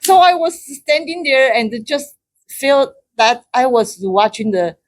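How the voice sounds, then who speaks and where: This club speaker is a middle-aged Taiwanese woman recounting something from her own life. Her delivery stalls with many restarts and repeated words; she laughs often and gets loud and high-pitched when excited.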